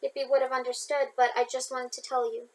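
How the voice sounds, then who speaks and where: A woman's voice: high voice, little pitch movement, fast, close to an everyday voice, low-quality recording. Woman reading as a tearful grieving friend. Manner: tearful, earnest. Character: grieving young woman friend, sobbing on a phone call.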